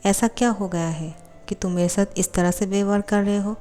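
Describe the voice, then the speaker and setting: A woman voicing a calm, teasing young male college student who coaxes his rival, in a storybook reading. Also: mid-range voice, moderate pace, soft background music, close to an everyday voice. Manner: teasing, coaxing.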